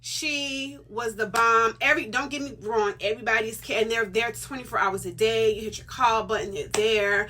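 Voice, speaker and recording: A middle-aged woman vlogger chats directly to her viewers in a casual video, her voice bright, forward, and a little high. She's emphatic and talkative, repeating points to drive them home, speaking in a steady tone at a moderate pace with few pauses.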